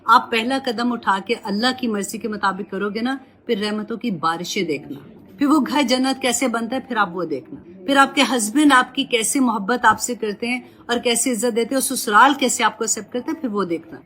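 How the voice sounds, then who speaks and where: Motherly woman Quran teacher. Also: a little high. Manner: gentle, motherly, mixes in English words. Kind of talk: religious advice and course talk.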